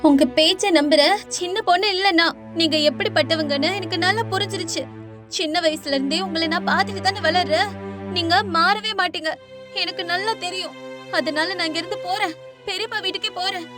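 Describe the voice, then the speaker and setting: This is a defiant young woman in an animated cartoon, performed by a woman. Her voice sits very high as she scolds her parents with steady, firm indignation. A faint music bed runs underneath. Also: a little fast. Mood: indignant. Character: spirited young woman, righteous and defiant daughter.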